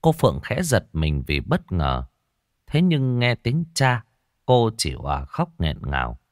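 Low-voiced man narrating a ghost story. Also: wildly swooping pitch, unhurried, dry recording, studio quality.

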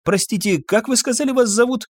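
A man voicing an agitated scientist who talks in excited, indignant outbursts. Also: very high voice, a little fast, no room sound, clean studio sound, voice pushed up. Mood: anxious. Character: agitated male scientist, middle-aged, easily flustered.

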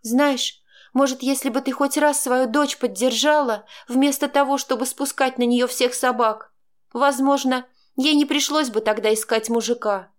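A woman's voice: high-pitched, steady tone, moderate pace, voice pushed up, lightly acted. A woman playing a defiant young daughter. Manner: agitated, sharp, defiant.

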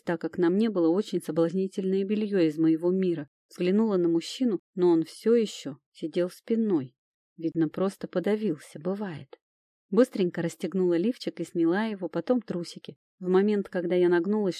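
Low-voiced woman reading a story. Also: mellow, dry recording, clean studio sound. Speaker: narrator. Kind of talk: first-person reading of a fantasy romance novel.

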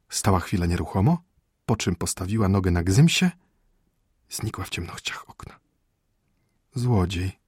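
A man narrating a classic short story as an audiobook, in a measured, expressive manner. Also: deep voice, breathy edge, no room sound, clean studio sound.

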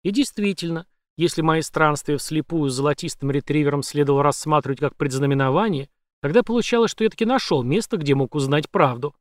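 A man narrating a first-person thriller audiobook in a measured, dry storytelling manner. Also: fairly high pitch, no echo. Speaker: audiobook reader.

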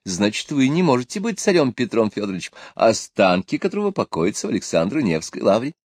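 A man voicing a calm, firm male scholar who speaks in a measured, lightly ironic way. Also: on the low side, husky, no echo, clean studio sound. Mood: steady.

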